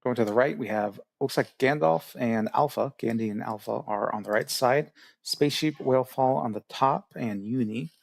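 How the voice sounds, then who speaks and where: A man's voice: medium pitch, normal speed, creaky, no echo. A man casting an online strategy game tournament, explaining rules with many fillers. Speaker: tournament organizer and caster. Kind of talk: casual game commentary.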